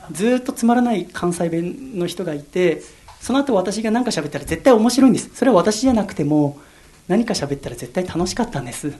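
A young man from Yokohama hosts a solo radio talk, speaking in a fairly high voice. He tells personal stories earnestly and reflectively. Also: warm tone. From Yokohama, Japan. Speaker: radio host.

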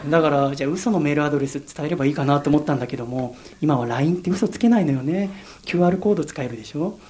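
A man's voice: on the high side, very fast, darkish tone. Earnest young man hosting a solo radio show. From Yokohama, Japan. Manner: earnest, reflective storytelling. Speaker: radio host.

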